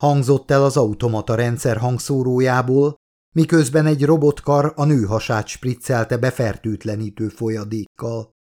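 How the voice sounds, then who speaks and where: A man reading his own novel aloud as an audiobook narrator. His voice sits at a middling pitch, and he tells the story in a steady, measured way.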